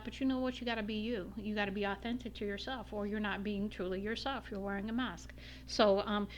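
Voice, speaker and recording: A tarot reader gives a casual reading, her mid-range voice a bit raspy after a long day. She meanders with lots of ums and uhs, and the recording carries slight hiss or hum.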